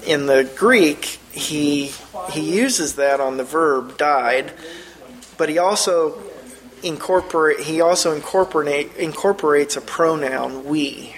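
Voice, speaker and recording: A man's voice: on the high side, rough recording. A man teaching a Bible study lesson. He explains things step by step, often restarts mid-phrase, and puts questions directly to the class.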